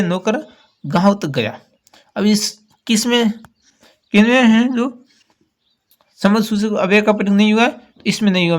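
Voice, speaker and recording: A man with a notably high voice is working through exam questions like a teacher. He explains patiently and goes back over key words so students catch them. His delivery stays steady and methodical. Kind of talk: exam answer walkthrough.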